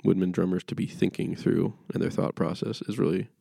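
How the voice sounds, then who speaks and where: A man hosting a casual church podcast, friendly and energetic. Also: low voice, a little fast, vocal fry, no echo, clean studio sound. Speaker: podcast host. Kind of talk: casual chat.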